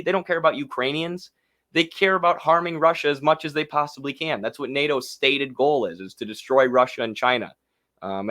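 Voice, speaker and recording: With a medium-pitched, fairly bright voice, the livestream host mocks others in put-on voices while offering casual political commentary full of indignation and sarcasm.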